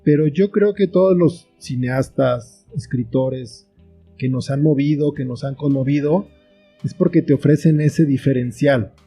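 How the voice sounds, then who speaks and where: In a conversational interview, a middle-aged guest, a writer and filmmaker with a Mexican accent, reflects at a measured pace in a mid-range, breathy-edged voice. Gentle plucked guitar drifts faintly in the background.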